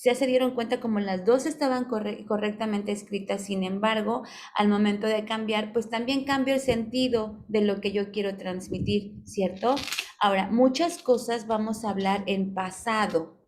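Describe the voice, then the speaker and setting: A woman's voice: mid-range voice, fairly even intonation, moderate pace, darkish tone, slight background noise. A woman with a Mexican Spanish accent teaching a live online class on spelling and punctuation. She is patient, asks "ok?" often and calls on her students by name. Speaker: online course instructor.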